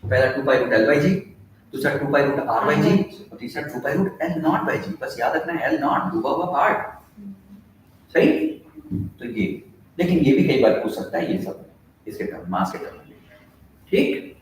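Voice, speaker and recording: A man teaching physics in a classroom lecture, asking his students questions and dictating formulas slowly. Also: medium pitch, animated, a little hiss or hum. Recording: echoey room, heard from a distance.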